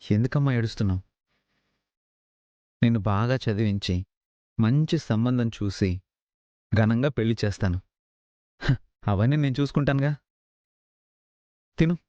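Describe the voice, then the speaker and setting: An actor playing a caring elder brother who speaks gently and reassuringly in a TV drama. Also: male voice, mid-range voice, normal speed, long pauses, no echo, highs cut off, close to an everyday voice. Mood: gentle. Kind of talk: television drama acting.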